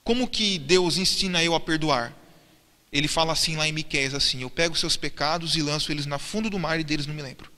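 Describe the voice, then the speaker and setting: Guy preaching in church, kinda high voice, asks the room stuff then answers it, big echoey hall. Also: fast talker, bright, forceful tone. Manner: asks the congregation questions and answers them himself. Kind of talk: sermon. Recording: church sermon with long reverb and faint music.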